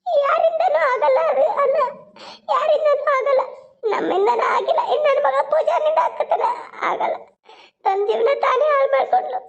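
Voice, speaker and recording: A woman's voice: very high voice, fairly even intonation, moderate pace, creaky, muffled recording. A woman voicing a grieving middle-aged mother who weeps as she talks. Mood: weeping. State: crying.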